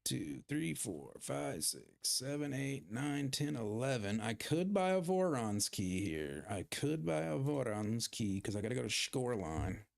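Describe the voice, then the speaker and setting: His medium-pitched, creaky voice swings widely in pitch, moving unhurried but with hardly any pauses. The man is livestreaming a game, chatting casually with viewers, rambling, and ribbing himself as he goes.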